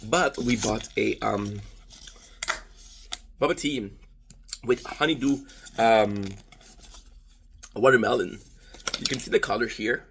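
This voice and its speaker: A Canadian vlogger in his thirties, French Canadian accent, speaks slowly in a creaky, fairly bright mid-range voice with long pauses and a little hiss or hum. He rambles casually while tasting food, throwing in profanity and self-deprecating jokes.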